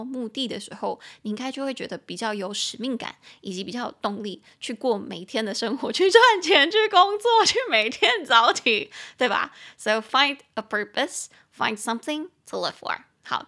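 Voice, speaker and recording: Bright, cheerful Taiwanese woman teaching English. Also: medium pitch. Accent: Taiwanese Mandarin. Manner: cheerful, giggly, spells words out letter by letter. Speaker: podcast host and English teacher. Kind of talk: casual bilingual language lesson.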